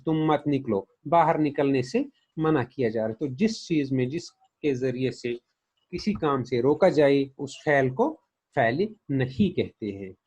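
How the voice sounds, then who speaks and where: A man's voice: mid-range voice, darkish tone. A man teaching grammar patiently, saying each example and then translating it. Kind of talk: explaining a lesson.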